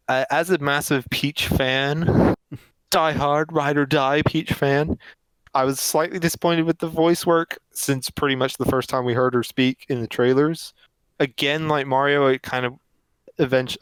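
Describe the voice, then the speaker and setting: A man chats through a film review as podcast co-host, his voice smooth and clear at an ordinary pitch. The sound is dry and close to the mic, and he talks in an animated, opinionated way. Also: no echo, rough recording. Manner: animated and opinionated, laughs often. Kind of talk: casual film review chat.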